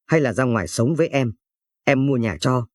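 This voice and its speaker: A man's voice: mid-range voice, expressive, normal speed, no echo, studio quality, lightly acted. A man voicing a rich, showy woman who coos and boasts. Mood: flirty. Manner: cooing, boastful.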